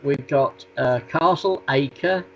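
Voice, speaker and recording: A man's voice: on the high side, slow pace, gravelly. A man with a Norfolk accent, giving a casual interview as a podcast guest over a remote call. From Norfolk, England. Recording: dull, noisy remote call line.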